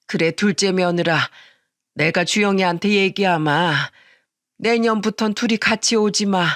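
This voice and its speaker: A woman reading the part of a tearful elderly mother-in-law who speaks softly and blames herself, in a dry close recording. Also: mid-range voice, no room sound, natural voice. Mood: resigned. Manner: soft, pleading, sighing.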